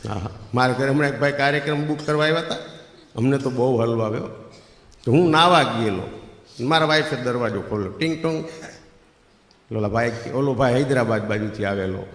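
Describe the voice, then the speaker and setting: A middle-aged man with a Gujarati accent tells comic folk stories from a stage and often jumps into loud, animated quotes. His voice has a mid pitch. The sound rings in a big, echoey hall with a long reverb. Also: fairly quick. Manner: lively, bursts into loud acted quotes. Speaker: stand-up comedian. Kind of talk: Gujarati folk comedy storytelling.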